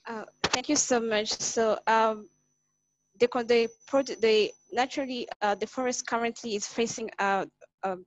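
A woman from Rwanda presenting a project pitch on a video call, speaking haltingly with frequent restarts. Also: fairly even intonation, no room sound, poor audio.

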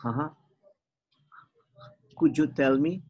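A man's voice: fairly high pitch, extremely slow, darkish tone, slightly rough. A man, teaching an English lesson with patient repetition and translation. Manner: patient, repeats phrases and translates into Spanish.

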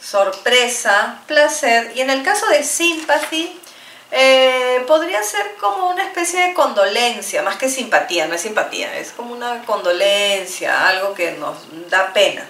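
A woman teaching a bilingual English lesson, saying each model phrase slowly and clearly so learners can repeat it. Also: fairly high pitch, very animated, fairly bright tone, echoey room, far from the mic, a little hiss or hum. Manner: slow, drawn-out model phrases for repetition. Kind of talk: bilingual classroom-style lesson.

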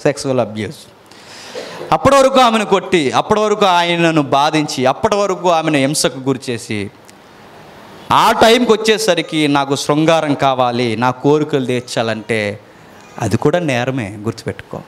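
A middle-aged man preaching a family sermon, his fairly high voice climbing loud and emphatic and then dropping to low, quiet asides. He keeps putting questions to his listeners. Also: expressive, moderate pace. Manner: asks the listeners questions often.

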